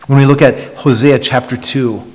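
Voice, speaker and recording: A man preaching a sermon as pastor, earnest and emphatic, swinging from loud stresses to hushed near-whispers and often repeating words as he restarts. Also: mid-range voice, fairly even intonation, moderate pace. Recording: long hall reverb.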